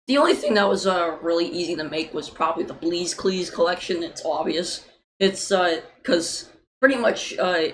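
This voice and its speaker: Young woman streaming, kinda low voice, lots of uh and like, swears casually, faint hiss behind. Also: fairly bright tone, low-quality recording. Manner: rambling, many fillers and casual swearing. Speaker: indie game developer streaming. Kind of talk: casual livestream Q&A.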